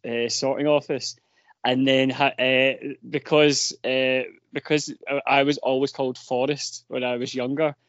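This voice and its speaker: A man's voice: medium pitch, no room sound. A man on a football fan podcast, telling rambling, self-mocking stories in casual chat. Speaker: podcast panelist. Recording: dry, dull lo-fi podcast audio.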